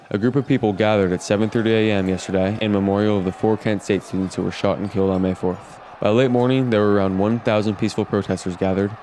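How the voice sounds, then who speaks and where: A man playing an earnest, brisk TV news anchor reading a scripted report. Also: lowish voice, a little mellow, slight background noise, natural voice.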